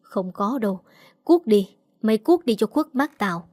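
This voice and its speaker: A woman's voice: mid-range voice, animated, unhurried, darkish tone, dry recording, clean studio sound. A woman voicing a bitter, harsh older mother-in-law who curses and scolds. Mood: scornful. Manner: scolding, cursing.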